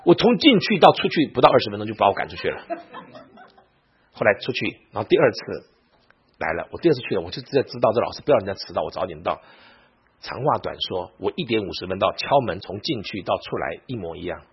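A man preaching, his voice deeply husky and raspy as he tells a story from the pulpit. His pitch swings widely and he acts out the people he quotes. The recording is muffled and lo-fi. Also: fast. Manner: animated, acts out quoted speech, frequent restarts. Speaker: church elder and preacher. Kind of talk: storytelling sermon.

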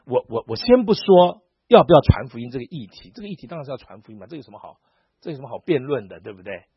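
A man's voice: fairly high pitch, fast, husky, no echo. A middle-aged pastor from Taiwan, preaching a sermon and acting out dialogue as he tells stories. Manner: animated storytelling, acting out dialogue. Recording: dull lo-fi sound.

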